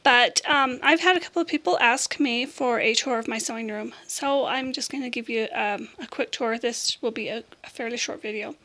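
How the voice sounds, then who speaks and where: Middle-aged American woman, slightly high pitch, hoarse and raspy with whispery breaks; casual, self-correcting home vlogger. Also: fairly bright tone. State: hoarse, losing her voice. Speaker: vlog host. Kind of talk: casual chatty craft room tour. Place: small room at home, indoors.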